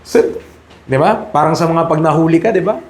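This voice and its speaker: Man, preacher, fairly high voice, emphatic, quizzes the congregation, echoey church. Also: a little fast. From Philippines. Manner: emphatic, rhetorical questions to listeners. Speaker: evangelist preacher. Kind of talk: sermon to a congregation. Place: church hall.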